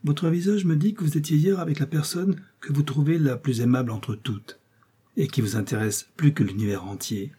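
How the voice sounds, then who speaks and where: Un homme qui prête sa voix à une femme vive et perspicace, taquine et câline, dans un livre audio. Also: male voice, on the high side, moderate pace, mellow, husky, pitched above the performer's own voice. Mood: teasing, coaxing. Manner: arch, coaxing, playful. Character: lively shrewd middle-aged woman, teasing invalid friend.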